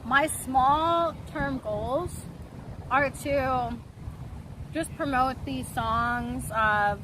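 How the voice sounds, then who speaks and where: A woman with a fairly high voice gives a casual interview over a meal. She talks in a halting way, full of fillers and repeated words, with clear noise behind her. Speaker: singer, interview guest.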